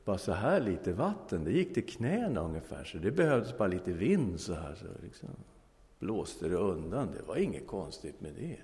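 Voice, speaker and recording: A man's voice: low voice, sing-song, darkish tone. A preacher acting out a condescending male theologian who explains things away in a patronizing way, in a long echoing hall.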